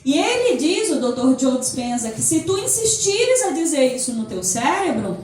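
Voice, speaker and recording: A woman gives a motivational talk, acting out inner voices and laughing often. Her voice sits high. She is heard from a distance, in a strongly echoing hall with faint background noise. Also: very animated, normal speed, darkish tone. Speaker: speaker at a holistic center. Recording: echoey hall from far off.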